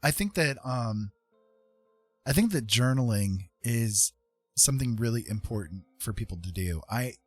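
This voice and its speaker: With music playing behind him, a middle-aged livestream host who works as an artist and writer chats in a relaxed, reflective way, earnest yet hesitant. His medium-pitched voice is expressive at a moderate pace, and the recording is dry.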